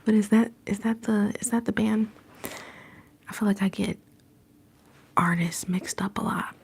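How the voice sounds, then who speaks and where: A woman hosting a whispered ASMR livestream from home. She drifts between a soft whisper and a soft-spoken voice, gently greeting chat viewers into a phone set a little way off. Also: mid-range voice, steady tone, unhurried, vocal fry, slight background noise. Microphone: phone set some distance away.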